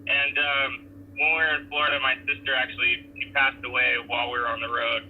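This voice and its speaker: A man's voice: medium pitch, flat delivery, quick pace. A man talking on a hands-free Bluetooth phone call while driving, laid-back and full of fillers and restarts as he answers interview questions. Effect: Bluetooth phone call from a car. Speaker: touring band member being interviewed. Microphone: car Bluetooth hands-free. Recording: tinny phone line with faint noise.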